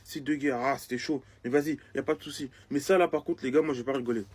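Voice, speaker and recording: A young man ranting in a comedic vlog, animated and outraged, repeating himself in street slang. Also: mid-range voice, fast, slightly rough. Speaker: content creator.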